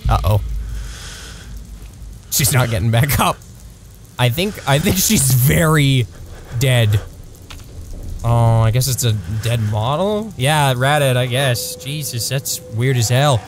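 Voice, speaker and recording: A man streaming a video game live, reacting loudly, laughing at his own mistakes and swearing casually as he goes. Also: takes it slowly, long pauses, faint music behind. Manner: excitable, jumps to high-pitched yelps when thanking subscribers. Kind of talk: live gameplay commentary.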